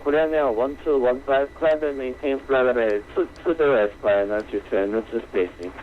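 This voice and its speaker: A man's voice: mid-range voice, brisk. A man giving clipped, procedural air traffic control instructions over the radio. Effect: radio transmission. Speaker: air traffic controller on an online flight simulation network. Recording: muffled lo-fi radio with faint noise.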